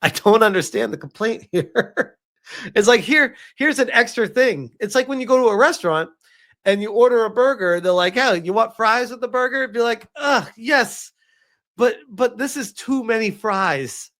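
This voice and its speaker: This man's voice is extremely high-pitched and a bit bright, at a normal speed. As a streamer reading a game review and reacting alongside live chat, he comes across exasperated and sarcastic, prone to laughing under his breath and cursing.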